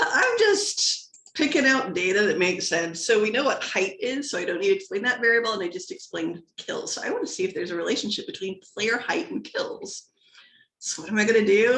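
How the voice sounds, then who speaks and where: Chatty woman teaching stats, gravelly voice. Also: on the high side, a bit bright, roomy sound. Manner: chatty, self-interrupting, playful sound effects. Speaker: statistics instructor. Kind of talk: casual screen-recorded lecture.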